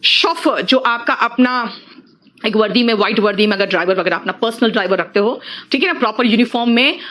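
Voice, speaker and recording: A high-pitched woman runs a classroom spelling lesson, switching freely between Hindi and English. She talks to her students like a fond teacher and keeps firing quick questions at them. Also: fairly bright tone. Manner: addresses students as beta, mixes Hindi and English.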